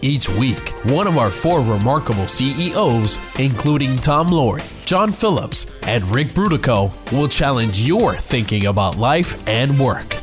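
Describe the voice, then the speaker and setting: A male announcer opening a radio show with an animated, swinging promo read. Music plays clearly behind him. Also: mid-range voice, measured pace. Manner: lively promo delivery. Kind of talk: announcer intro over music.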